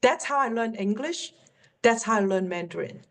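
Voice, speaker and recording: A middle-aged native Cantonese speaker with a Cantonese accent answers questions as a workplace communication coach during an online webinar Q&A. Her voice sits on the high side, expressive and a bit bright. She is earnest and encouraging, slowing down to stress key points.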